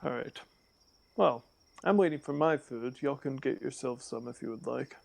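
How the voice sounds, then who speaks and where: A young man with a gravelly edge to his voice plays his character in a tabletop game. He talks in a dry, self-assured way, at an ordinary middle pitch. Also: moderate pace. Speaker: player.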